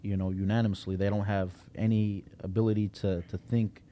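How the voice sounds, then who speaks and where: A man with a slight Arabic accent, explaining things in a measured way in a casual podcast conversation. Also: fairly low pitch, flat delivery, dull audio, slight background noise. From United States. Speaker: podcast guest.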